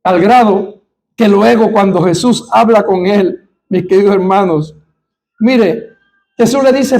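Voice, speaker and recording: A man with a Puerto Rican Spanish accent preaching a sermon, speaking straight to his congregation with rhetorical questions and building to fervent, near-shouted peaks. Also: high-pitched. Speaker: pastor.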